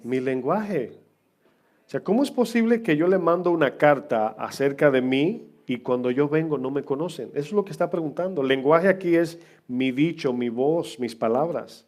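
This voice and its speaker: A man's voice: on the high side, lively intonation, normal speed, a little mellow. A middle-aged man preaching as pastor, chatting with his congregation with humor and questions. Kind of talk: sermon. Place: church.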